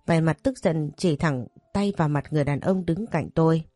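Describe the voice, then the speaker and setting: A woman narrating a first-person story in a steady, brisk storytelling way. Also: low-pitched, dry recording, clean studio sound, soft background music.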